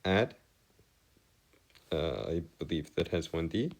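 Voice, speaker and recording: A male math tutor with a low voice speaks slowly through an informal step-by-step lesson. He phrases things in a formal, wordy manner and makes hesitant self-corrections.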